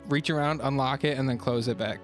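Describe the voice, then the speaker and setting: Man, tabletop player, hesitant, restarts a lot, mid pitch, faint music. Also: fairly even intonation, quick pace. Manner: hesitant, full of restarts, laughs. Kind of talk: casual tabletop game chat.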